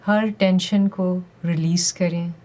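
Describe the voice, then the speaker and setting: In a fairly low-pitched voice, a woman walks listeners through a guided meditation, offering gentle, calm and deliberate directions with pauses between phrases.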